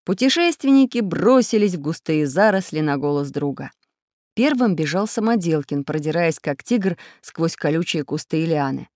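A woman narrating a children's storybook in an expressive, lively reading. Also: low voice, moderate pace, no echo, studio quality. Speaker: audiobook narrator.

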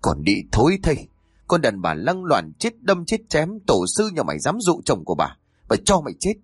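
A man's voice: medium pitch, wildly swooping pitch, normal speed, husky, no room sound, studio quality. A man voicing a furious, jealous middle-aged wife who shrieks curses in a spoken story. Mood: raging. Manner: shrieking, cursing rage.

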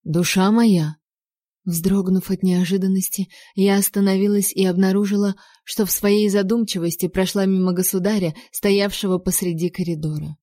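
In clean studio sound without any echo, a woman reads a first-person audiobook. Her mid-range voice carries the story in a measured, expressive way.

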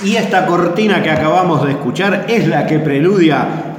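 A man's voice: fairly high pitch, moderate pace, heavy background noise. A man presenting a radio show, introducing a columnist in a friendly manner. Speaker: radio host. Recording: reverberant roomy studio.

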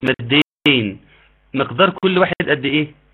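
A man with an Egyptian accent teaching an online tajweed lesson, explaining patiently and modeling slow recitation. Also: mid-range voice, lively intonation, husky. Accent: Egyptian Arabic. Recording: tinny phone-like line.

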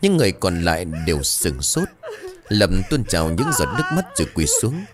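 A man's voice: sits low, huge pitch swings, fairly quick. A man narrating a ghost story in a dramatic, scripted storytelling manner.

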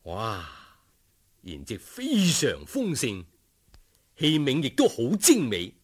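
A Cantonese man narrates a scripted folk tale with dramatic expression, unhurried as he lingers over each description. His husky voice ranges widely in pitch while his pace stays slow.

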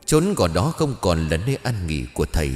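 A man voicing the solemn ghost of an old armored lord giving a deep pronouncement. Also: very animated, a little fast, a little mellow, roomy sound, long reverb tail, soft background music.

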